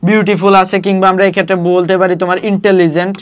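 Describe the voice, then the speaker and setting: বাংলাদেশি উচ্চারণের একজন পুরুষ টিউটর, যিনি ভর্তি পরীক্ষার জন্য ব্যাকরণ পড়ান, বারবার "ঠিক আছে?" জিজ্ঞেস করেন এবং শব্দ ভেঙে ধীরে উচ্চারণ করেন।. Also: male voice, high voice, little pitch movement. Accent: Bangladeshi Bengali. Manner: explanatory, repeats checking phrases, spells out syllables slowly. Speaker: admission coaching tutor. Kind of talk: online grammar lesson.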